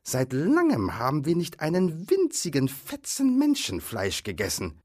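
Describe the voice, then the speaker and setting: A man voicing a hungry male troll who complains loudly in a raised voice. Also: on the high side, wildly swooping pitch, a little slow, pitched above the performer's own voice, heavily acted. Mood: grumbling. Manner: loud, complaining. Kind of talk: storybook reading.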